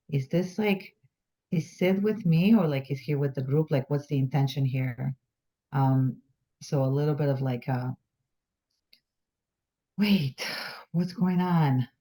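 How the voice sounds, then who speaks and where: A woman's voice: low-pitched, mellow. A woman, sharing hesitantly in a group session. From Bulgaria. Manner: hesitant, many fillers, self-reflective. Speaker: workshop participant.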